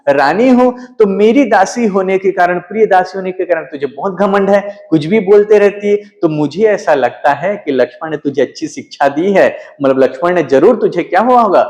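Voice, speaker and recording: A man voicing an adult queen questioning her maid, raising his voice higher and asking quick anxious questions. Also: darkish tone, natural voice. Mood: scolding.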